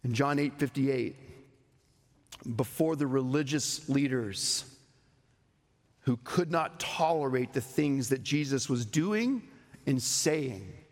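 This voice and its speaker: A male pastor preaching a sermon in a church, slow and emphatic, with dramatic pauses. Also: medium pitch, animated, in a large hall. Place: church sanctuary.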